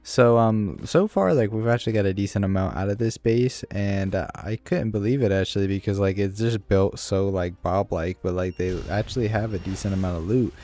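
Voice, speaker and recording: A man's voice: lowish voice, brisk, few pauses, mellow. A man giving casual, rambling gameplay commentary as a gaming video creator, with lots of fillers and restarts. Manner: laid-back, rambling with many fillers. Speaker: gaming YouTuber.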